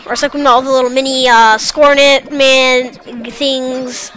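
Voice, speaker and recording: A woman's voice: high-pitched, flat delivery, a little slow, fairly bright tone, slight background noise, low-quality recording. A woman hosting a casual let's-play, chatting in a rambling, self-deprecating way as she plays. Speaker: gaming channel host.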